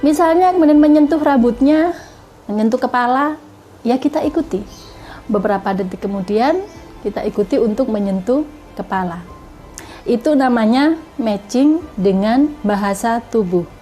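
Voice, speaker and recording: Female teacher, warm and fairly high voice, patient measured delivery, soft music bed. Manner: calm, measured explaining with spoken examples. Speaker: self-development teacher. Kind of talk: explanatory video lesson.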